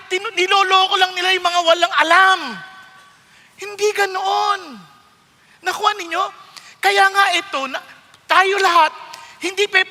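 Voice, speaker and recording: A man's voice: very high-pitched, pushed and bright. A man with a Filipino accent preaching a sermon, emphatic and full of rhetorical questions to his congregation, switching between English and Tagalog. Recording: long reverb of a large hall.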